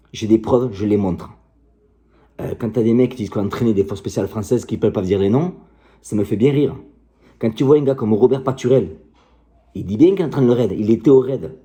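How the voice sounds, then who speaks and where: Middle-aged male coach, deep warm timbre, combative and passionate, talks straight to camera. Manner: combative, heated, passionate, crude. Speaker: martial arts coach. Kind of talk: direct-to-camera rant.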